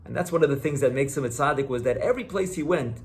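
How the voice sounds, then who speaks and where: A man speaking as a rabbi in a sermon, earnest and questioning, posing points and explaining them with deliberate emphasis. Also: fairly high pitch. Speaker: rabbi giving a Torah talk.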